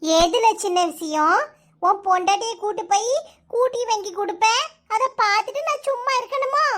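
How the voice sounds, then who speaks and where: Woman doing a cartoon old mother-in-law: very high, piercing voice, Kanyakumari Tamil accent, loud and wailing. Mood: angry. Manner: loud, wailing and self-pitying. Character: scolding old village mother-in-law, dramatic. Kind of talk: cartoon voice acting.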